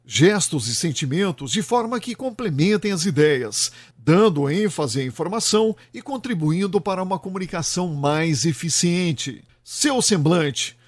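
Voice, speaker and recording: A man giving scripted narration as a channel narrator, delivering tips in a measured, instructive way. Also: high-pitched, no echo.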